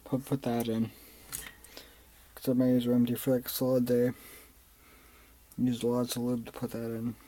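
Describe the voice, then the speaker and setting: A man's voice: mid-range voice, monotone, moderate pace, long pauses, mellow, low-quality recording. A young man rambling through a personal story in a casual vlog, swearing often and using lots of fillers. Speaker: vlogger.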